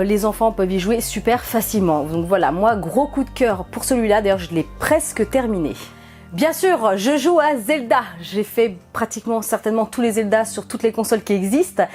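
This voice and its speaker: A woman's voice: medium pitch, a little mellow. A young woman hosting her own gaming vlog, chatting enthusiastically and giggling often. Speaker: gaming vlogger. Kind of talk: casual vlog chat.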